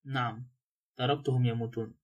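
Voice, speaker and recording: A cynical adventurer talks with dry mockery and no remorse, voiced by a man reading an audiobook. His words come quickly and flatly. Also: medium pitch, lightly acted. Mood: sardonic. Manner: dry, sardonic. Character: cynical, mocking male adventurer.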